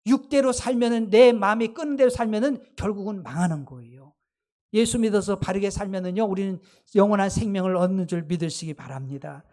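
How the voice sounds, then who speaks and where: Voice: medium pitch, brisk, darkish tone. 주일 예배에서 설교하는 목사의 목소리. 높지도 낮지도 않은 음성으로 회중에게 계속 질문을 던지며 강조하듯 설교한다. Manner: emphatic preaching, rhetorical questions to the congregation, exclamations. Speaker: pastor. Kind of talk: sermon.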